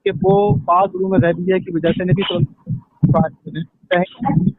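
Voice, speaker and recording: Insistent male debater, high-pitched, on a dropping call line. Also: level tone, normal speed. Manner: insistent, demands silence while he reads. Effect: call dropping out, voice breaking up. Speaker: debater in a religious dispute. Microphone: phone. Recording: tinny phone line, dry.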